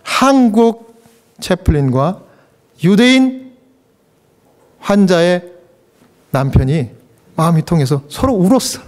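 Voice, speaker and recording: A man's voice: very animated, slow, pauses often, darkish tone. A male pastor preaching a sermon, talking to the congregation in a conversational, emotional way and often putting questions to them. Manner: emotional preaching with sudden pitch leaps and acted quotes.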